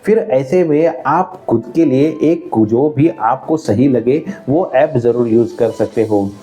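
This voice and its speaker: Mellow-voiced man explaining finance. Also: mid-range voice, slow, faint music behind. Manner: conversational, walks through examples step by step. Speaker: finance educator. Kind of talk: explainer video.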